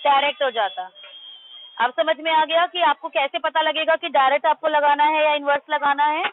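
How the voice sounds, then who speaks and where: A woman's voice: high-pitched, steady tone, moderate pace, a little hiss or hum. A woman teacher giving a math class in Hindi-English mix, firmly correcting her pupils' pronunciation and quizzing them. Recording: tinny phone-like line.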